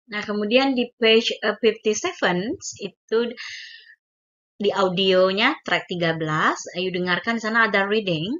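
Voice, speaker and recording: Bright-toned woman lecturing, lo-fi. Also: mid-range voice. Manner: mixes Indonesian explanation with slow, stressed English example sentences; frequent tag fillers and a chatty teacherly tone. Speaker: university English lecturer. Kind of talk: recorded lecture explaining English grammar. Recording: dull lo-fi recording.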